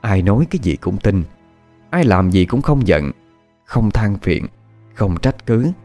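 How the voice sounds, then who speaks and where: A man with a Southern Vietnamese accent narrating a horror tale, expressive and dramatic. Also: on the low side, unhurried, soft background music.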